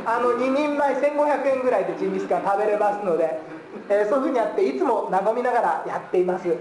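Higher-voiced man preaching in a roomy church. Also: lively intonation, a crowd in the background. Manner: fills pauses with drawn-out "ee", jokes lightly. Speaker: guest pastor. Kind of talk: sermon. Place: church sanctuary. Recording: roomy church live stream.

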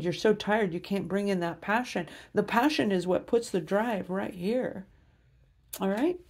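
Speaking directly to camera, this woman gives a tarot reading with real enthusiasm and an upbeat manner. Her voice is lowish and somewhat dark in tone.

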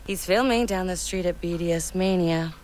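A woman's voice: on the low side, moderate pace, a little mellow, slight background noise, natural voice. An actress playing a cool, blunt young female hacker in a video game, speaking in a sardonic way.

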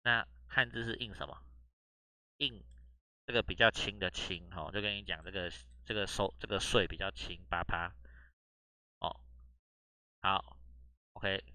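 A man's voice: on the low side, sharp tone, dry recording. A man with a Taiwanese Mandarin accent teaches Japanese in a casual online lesson. He reads short Japanese phrases, explains them step by step, and drops little "oh" and "ha" fillers between phrases. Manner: chatty, drops "oh" and "ha" between nearly every phrase. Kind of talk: casual online lesson reading through a news text.

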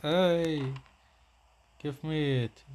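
A man's voice: a little high, steady tone, drawn-out words, a little mellow. A young man giving goofy let's-play commentary, joking about himself in the third person. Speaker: gameplay commentator.

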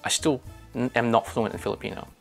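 A man's voice: mid-range voice, quick pace, vocal fry, fairly bright tone, soft background music. A man, talking earnestly in a documentary interview as a radio station's chairperson, with frequent ums and uhs, on a lapel mic. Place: radio station music library.

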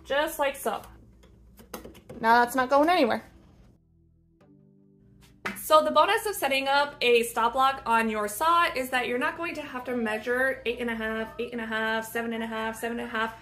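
A woman's voice: on the high side, moderate pace, long pauses, fairly bright tone, faint music behind. A woman in her thirties giving a casual, upbeat step-by-step woodworking tutorial in her shop, filmed on a phone held at arm's length. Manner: upbeat, chatty, laughs at own slips. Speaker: woodworking instructor. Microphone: phone camera at arm's length.

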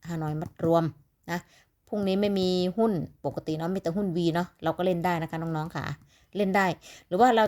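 Woman, Isan accent, lower-pitched voice, rambling casual chat, sleepy, lottery tips for viewers. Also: fairly quick, a little mellow. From Northeastern Thailand (Isan). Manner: chatty, rambling, calls viewers "little siblings". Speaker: lottery number tipster.

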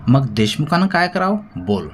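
Guy putting on a bossy village headman, snapping orders, way higher than his normal voice. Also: big pitch swings, moderate pace, darkish tone, slight background noise. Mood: barking. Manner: barking, demanding. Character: domineering middle-aged village headman.

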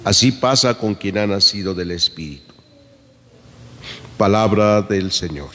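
Slow, low priest with cathedral echo. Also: male voice, lively intonation, a bit bright. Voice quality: measured, solemn delivery. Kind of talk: gospel reading and homily at Mass. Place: large church. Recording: long church reverb.

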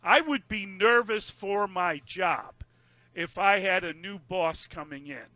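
An emphatic male radio host weighs in on the postgame show. His voice is high and bright, and the sound is close and dry. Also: slow pace, dry recording. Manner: emphatic, pointed opinions.

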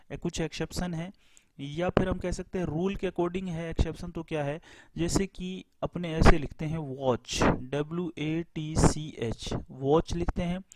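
A man's voice: on the high side, noisy background. A man teaching a grammar lesson in a patient explanatory style, spelling words letter by letter and asking and answering his own questions.

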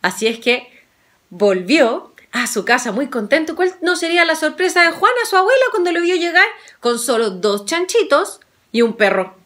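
A woman telling a folktale aloud, playful and animated, talking straight to her listeners. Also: high voice, moderate pace. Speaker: storyteller. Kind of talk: oral storytelling.

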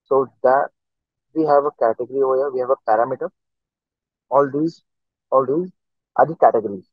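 Brisk and mid-range, a male instructor's voice comes through the dry, tinny audio of a video call's computer mic, caught in a screen recording of his online class. He works through everything step by step, constantly saying "okay."

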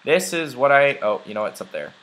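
A man's voice: medium pitch, sing-song, a little fast, a bit bright, poor audio. A young man chatting casually while playing a video game, rambling along with lots of ums and uhs. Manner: rambling, chatty, many fillers. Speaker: let's play gamer. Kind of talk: casual gameplay commentary.

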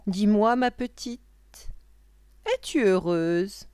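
Lady doing a wicked old witch, cackly and theatrical, slow drawn-out lines. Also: medium pitch, darkish tone, a little hiss or hum, voice pushed up. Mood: coaxing.

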